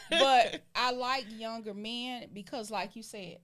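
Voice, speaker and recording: A woman in her forties co-hosting a talk show in casual chat, quick to agree and affirm the others. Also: on the high side, a bit bright. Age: 40s.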